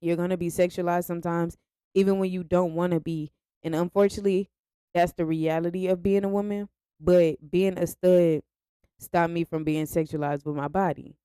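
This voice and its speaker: A woman's voice: fairly low pitch, fairly even intonation, moderate pace, warm tone, clean tone, dry recording, studio quality. A young woman speaking candidly to her viewers in a confessional vlog, frank and direct. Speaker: vlogger. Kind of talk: candid personal vlog monologue.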